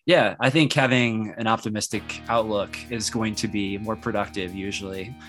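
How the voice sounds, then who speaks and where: A laid-back male podcast host who encourages his guest with casual enthusiasm. His voice sits fairly low. Faint music plays under the conversation. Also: fairly even intonation, normal speed, fairly bright tone. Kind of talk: casual interview chat.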